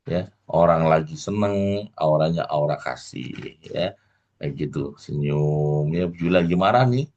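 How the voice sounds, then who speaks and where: A middle-aged man with a very low voice gives a motivational lecture, keeps turning to his listeners and acts out small examples as he goes. The recording is dull and lo-fi. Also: unhurried. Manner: addresses the audience warmly, full of "ya" tags and acted examples.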